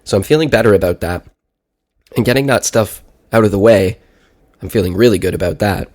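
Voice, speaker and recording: A man's voice: low-pitched, a little mellow. A 30-year-old man, sick and congested, sounding nasal as if his nose were pinched, talking casually in a personal audio diary. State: sick with a stuffy head cold. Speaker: podcast segment host.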